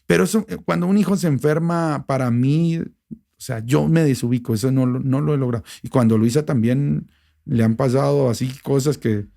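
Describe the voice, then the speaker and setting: A middle-aged man with a Bogotá Colombian accent, a radio journalist telling a personal story in an interview, emotional and animated, with many restarts. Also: mid-range voice, normal speed, gravelly. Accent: Bogotá Colombian Spanish. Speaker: radio journalist and station director.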